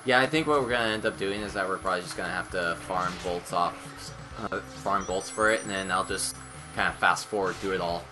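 A man co-hosts a let's play, guiding his partner through the game with casual, joking commentary and frequent laughter. His voice is low and a little fast, with music playing behind him.

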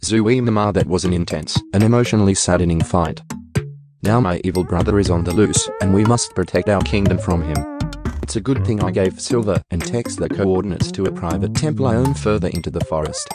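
A man's voice: low voice, brisk, natural voice. A man playing a brash, chatty young prince in a cartoon skit, casual and exclamatory. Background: loud music.

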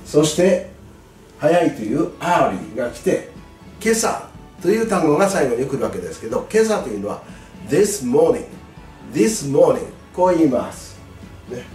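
A man tutoring exam students in English grammar, patient and clear, stressing key words with a rise in pitch. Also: big pitch swings, moderate pace, a little mellow, distant mic. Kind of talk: lesson explaining grammar. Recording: echoey room, voice away from mic, faint music.

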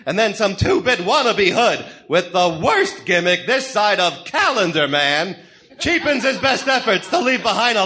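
A man's voice: high voice, pushed and bright, heavily acted. A man playing a manic, sadistic clown supervillain in a comic-book radio drama, taunting theatrically with a cackling, sing-song menace. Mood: scornful rant. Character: manic, gleefully sadistic male clown supervillain, mocking gangster.

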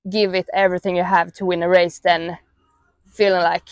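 A young woman with a Swedish accent, a native Swedish speaker, giving relaxed, halting interview answers full of fillers, outdoors on a lapel mic. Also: on the low side, no room sound. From Sweden. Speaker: athlete interviewee. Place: outdoors in a grassy mountain meadow.

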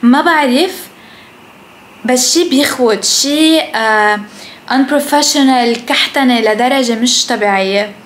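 This food vlogger, a young adult woman with a Lebanese Arabic accent, has a high voice and takes her time. Filming casually at home in her kitchen and living room, she talks bluntly, swears a lot and mixes in English. Background noise is clearly audible.

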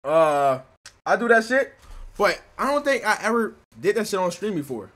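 A young man streaming from his bedroom, reacting to a video and joking loudly with his chat. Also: high voice, sing-song, moderate pace. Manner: loud, joking, talks to chat. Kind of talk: casual live-stream commentary. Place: small bedroom at home.

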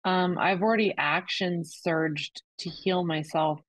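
Slow, hesitant woman playing a tabletop game. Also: on the low side, fairly even intonation, dry recording, poor audio. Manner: hesitant, thinking aloud with fillers. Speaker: player. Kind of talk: tabletop game play, casual.

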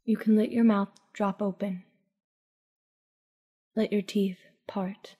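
A woman narrating a guided sleep meditation like a sleep story, calm, unhurried and soft-spoken, with breathy phrase endings. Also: mid-range voice. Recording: long reverberant tail on voice.

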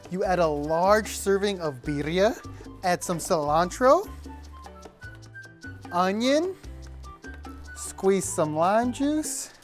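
Lively young man gushing about food. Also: high-pitched. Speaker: sketch comedy actor. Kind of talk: comedic sketch explaining a dish.

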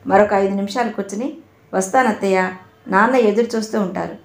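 A woman storyteller voicing a young wealthy woman who speaks earnestly and gently, in an audio novel. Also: mid-range voice, fairly quick, roomy sound, lightly acted. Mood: cheerful.

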